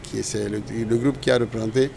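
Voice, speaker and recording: A man's voice: fairly low pitch, steady tone, fast, creaky, a little mellow, slight background noise. An older man from Congo, a guest in an interview, telling his story in a rambling way and often correcting himself. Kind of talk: casual interview recollection.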